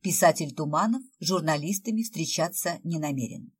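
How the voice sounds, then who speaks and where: A woman reading a story aloud as narrator, in a lively storytelling manner. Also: deep voice, fairly quick, slightly rough. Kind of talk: audiobook narration.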